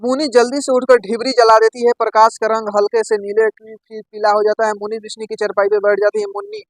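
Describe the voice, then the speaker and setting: A man's voice: high voice, little pitch movement, brisk, no echo, low-quality recording. A man teaching, reading a play aloud line by line and explaining each part in plain words. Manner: reads lines aloud, then explains them in plain words.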